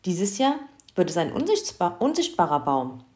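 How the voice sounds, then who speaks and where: A woman voicing a firm, practical mother in a children's story. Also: lowish voice. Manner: brisk, energetic.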